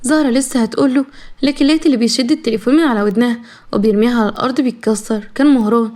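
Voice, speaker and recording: An Egyptian woman narrating a dramatic story in a brisk storytelling manner. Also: on the high side, fairly even intonation, a little mellow.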